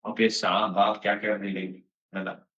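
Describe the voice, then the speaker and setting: A devotional speaker tells a sermon as a story, chatting casually, slipping into English phrases and laughing now and then. His voice sits on the low side, and his flat delivery is brisk, pushed and bright. The recording sounds distant, echoey and dull.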